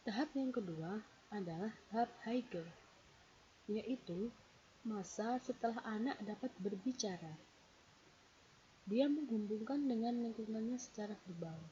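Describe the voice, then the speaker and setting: A woman's voice: a little high, expressive, measured pace, long pauses, warm tone. A woman giving a read-out lecture presentation, explaining steadily and counting off her points one by one. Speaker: presenter explaining a psychology theory. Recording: dull lo-fi recording with faint hiss.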